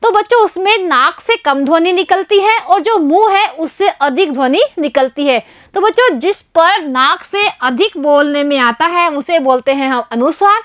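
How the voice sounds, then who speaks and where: A woman with an Indian accent, a primary school teacher, explains a Hindi lesson to young children, continually addressing them and posing questions she then answers herself. Her voice is high and a bit bright, recorded cleanly in a studio with no room sound.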